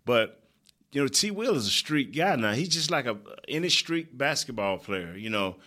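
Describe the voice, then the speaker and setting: A man's voice: mid-range voice, big pitch swings, moderate pace, pushed and bright. A man giving casual, rambling football analysis in colloquial speech as a show panelist.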